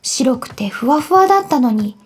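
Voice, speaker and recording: Give me a woman as a crying little girl, high and whiny. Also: big pitch swings, normal speed, husky, exaggerated voice. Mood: tearful. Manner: whiny, tearful.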